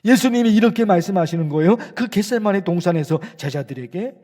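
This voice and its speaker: A man's voice: high-pitched, expressive, fast, dark tone. A man preaching an early-morning sermon as pastor, emphatic, repeating key words and asking rhetorical questions. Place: church sanctuary. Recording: long church-hall reverb.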